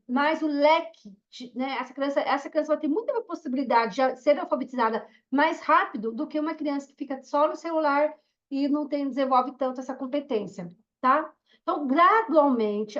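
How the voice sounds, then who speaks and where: A woman's voice: high voice, muffled recording. A woman from Brazil giving an online course lecture as a teacher, chatty, with many asides and rhetorical questions. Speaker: teacher and reading therapist.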